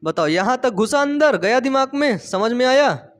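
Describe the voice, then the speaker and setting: A male biology teacher with a high, very animated voice, telling playful stories to explain his lesson. He keeps asking his listeners questions and repeating the terms back to them. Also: normal speed. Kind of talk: storytelling classroom lecture.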